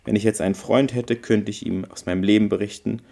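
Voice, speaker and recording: A man's voice: lowish voice, steady tone, fairly quick, creaky, mellow. A man voicing a lonely, grumpy male forest creature in a storybook reading. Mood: wistful. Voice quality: grumbling.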